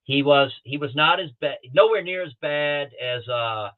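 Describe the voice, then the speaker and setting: A guest pilot on a talk show tells casual stories over a tinny line, rambling and animated, with many restarts and acted-out quotes. His voice is on the high side and his pace moderate.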